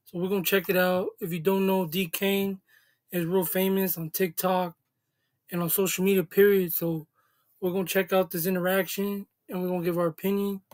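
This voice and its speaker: Seated at a desk in a small room, a thirties-aged reaction channel host gives laid-back commentary full of street slang. He speaks briskly in a high, darkish voice with a level tone.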